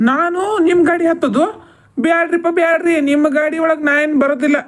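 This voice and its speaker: High-voiced, pleading village man, as a voice actor does him. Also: close to an everyday voice. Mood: nervous. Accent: North Karnataka Kannada. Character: nervous village man, passerby. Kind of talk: cartoon comedy dubbing.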